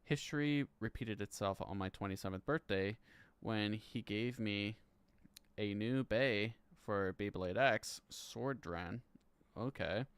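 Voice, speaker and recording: Man, 30s, live streamer, rambling casual talk, swears, low smooth voice, dry close sound. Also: no room sound. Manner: rambling, swears often, laughs between lines, reads court text aloud haltingly. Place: home room.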